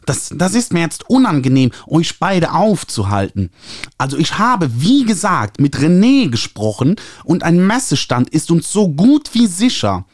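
Ein Mann mit luxemburgischem Akzent spricht einen übereifrigen, näselnden Verleger mit hoher, gedehnter Stimme. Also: male voice, on the high side, sing-song, no room sound, clean studio sound, voice pushed up. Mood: gushing. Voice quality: nasal. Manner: gushing, fussy, drawn-out. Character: overeager nasal male book publisher.

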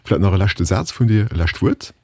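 A man with a very deep, husky voice hosts a casual interview. His pitch swings widely as he asks short questions to keep his guest talking. The recording is dry and close. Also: sing-song, quick pace, no echo. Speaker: podcast host.

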